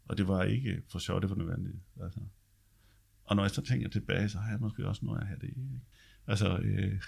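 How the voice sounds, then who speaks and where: A man with a low, deep bass voice that is gravelly and husky, telling stories from his past. He chats loosely and keeps checking in with his listener. He drops in casual swear words as he goes. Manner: chatty, tags lines with "ikke?", swears casually. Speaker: guest telling his life story. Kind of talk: casual storytelling.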